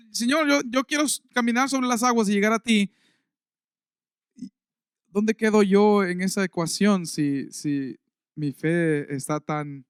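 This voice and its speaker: A man preaching a Sunday sermon in a relaxed, conversational way, reading scripture aloud and building emphasis. His voice sits high for a man. The sound is dry and close, with little room echo. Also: clean tone. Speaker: pastor. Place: church service.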